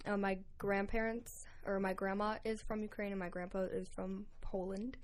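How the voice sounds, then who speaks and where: A woman's voice: medium pitch, level tone, moderate pace. A teenage girl speaking as a guest in casual chat, telling her points earnestly and with emphasis. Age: teens.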